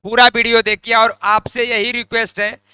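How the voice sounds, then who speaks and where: A man's voice: very high voice, flat delivery, normal speed, pushed and bright, smooth, no room sound. A male teacher giving an exam-prep grammar lesson, repeating key terms and asking his students to say them back, in a colloquial way. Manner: colloquial, addresses viewers as lions and lionesses.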